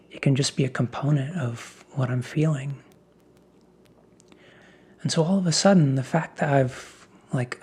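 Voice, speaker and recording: A man speaking in a soft, half-whispered ASMR pep talk, breathy and reflective, as if musing aloud. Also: mid-range voice. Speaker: ASMR host.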